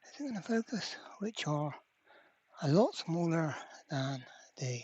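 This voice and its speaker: Working at an indoor bench, this electronics repairer talks through the job in a relaxed way, mumbling to himself and letting out the occasional mild curse. The medium-pitched voice is husky and darkish, swinging widely in pitch at an unhurried pace. The recording is muffled.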